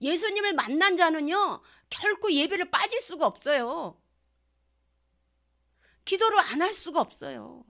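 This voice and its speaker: Woman pastor, sermon delivery; high, sharp tone, acts out prayers, drops into whispers. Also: lively intonation, unhurried, creaky, long pauses. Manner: rhetorical questions to the congregation, swinging from loud to hushed whispers; acts out prayers and quotes in changed voices.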